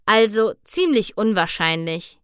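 A woman voicing a guilt-ridden young unicorn mare who talks slowly and dejectedly in a storybook reading. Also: medium pitch, lively intonation, fairly bright tone, clear, resonant tone, no echo, studio quality. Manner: slow, dejected.

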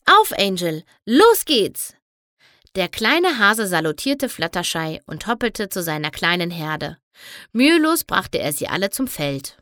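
A woman reading a children's storybook aloud in an expressive, lively way. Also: lowish voice, a little slow, no echo, studio quality. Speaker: audiobook reader. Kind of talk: storybook narration.

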